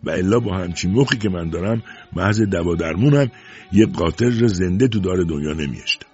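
A man voicing a boastful, meddling middle-aged village man who talks loudly and excitedly. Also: sits low, slightly rough, faint music behind. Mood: excited, pushy. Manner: loud, excitable, self-assured. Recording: dull lo-fi recording.

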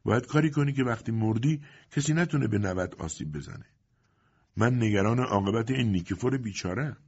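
A sharp, practical middle-aged merchant wife with a brisk, scolding way of talking a man voices her. The voice sits higher than the reader's own and comes through a dull, lo-fi audiobook recording. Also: expressive, breathy edge.

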